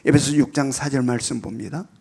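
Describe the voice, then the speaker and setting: A man preaching a sermon as pastor, repeating key phrases and swinging between loud emphatic lines and whispered asides. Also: medium pitch, fairly even intonation, quick pace, creaky, slightly rough.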